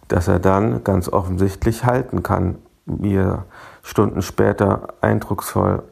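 A man reading a Bible passage slowly and carefully, then reflecting on it and speaking straight to the listener. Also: lowish voice, gravelly, a little mellow, breathy edge. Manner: slow, measured reading of scripture; enthusiastic personal reflection addressing the listener directly. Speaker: Bible reader and devotional speaker. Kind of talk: Bible reading and devotional commentary.

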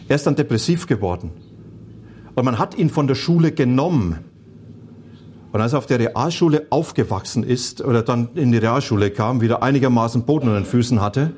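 A man's voice: fairly high pitch, a little mellow, husky. A middle-aged man, preaching a sermon as a pastor and telling stories earnestly. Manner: earnest storytelling, quotes people in changed voices.

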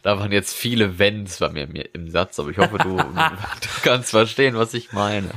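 A man's voice: on the low side, moderate pace, bright, forceful tone. A man chatting casually, rambling and often laughing as he talks. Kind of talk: casual chat.

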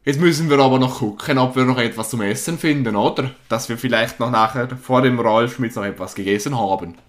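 Animated young man telling a story. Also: medium pitch, a little fast. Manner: animated storyteller acting out dialogue. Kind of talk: casual anecdote chat.

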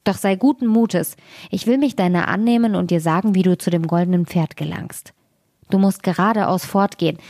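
A woman voicing a wise, helpful male fox in a fairy-tale reading, giving calm, patient advice. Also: mid-range voice, dry recording, clean studio sound, natural voice.

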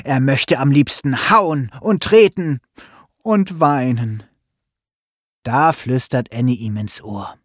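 A man narrating a children's story in an expressive, storytelling manner. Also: medium pitch, slow pace, no echo, clean studio sound.

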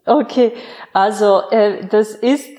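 A woman's voice: mid-range voice, slow pace, mellow. A woman fitness trainer interviewed as a podcast guest, chatting in an earnest, storytelling way.

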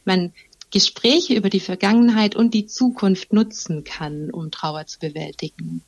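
A woman in a podcast conversation, calmly explaining with reassuring, measured speech and the occasional filler. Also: mid-range voice, husky, dry recording, highs cut off. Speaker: guest expert on grief and children.

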